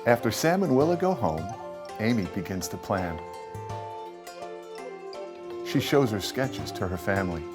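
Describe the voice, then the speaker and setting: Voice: mid-range voice, big pitch swings, unhurried, long pauses, music in the background. A reader narrating a children's story from a script.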